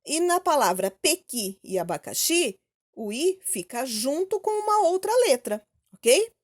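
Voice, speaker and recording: Slow, lively-voiced Brazilian woman teacher. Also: high-pitched. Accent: Brazilian Portuguese. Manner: slow, clear, prompting with questions and "ok?". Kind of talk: recorded lesson for children.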